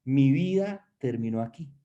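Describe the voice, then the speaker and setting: A man's voice: mid-range voice, lively intonation, a little slow, warm tone, dull audio, close to an everyday voice. A man doing a vain, lamenting person. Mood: dismayed. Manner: sighing, lamenting. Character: vain person dismayed by aging.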